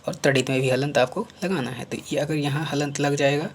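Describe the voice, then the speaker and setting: A man's voice: a little high, brisk. A man teaching a spelling lesson for an exam, saying each word over and over and asking and answering his own questions, sometimes dropping to a murmur while he writes. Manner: repeats each word several times, asks and answers himself; drops to murmurs while writing on screen.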